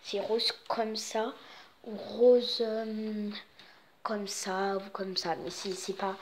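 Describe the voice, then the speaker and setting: A woman's voice: medium pitch, flat delivery, slow. Young woman, casual home vlog, rambling chatty talk, phone mic, faint hiss behind. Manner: chatty, rambling, many fillers. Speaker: vlogger.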